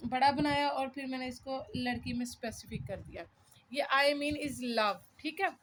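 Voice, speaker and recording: A woman talking through her study notes in a chatty, casual way at home, with many pauses and fillers while she writes. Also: high-pitched, fairly bright tone. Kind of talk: casual explanation while writing. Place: home room.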